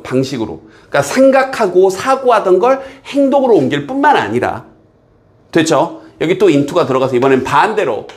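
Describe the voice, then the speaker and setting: A man teaching an English exam passage, reading English lines slowly and explaining them in Korean, often checking that students follow. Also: fairly high pitch. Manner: lively, drills students with repeated checks.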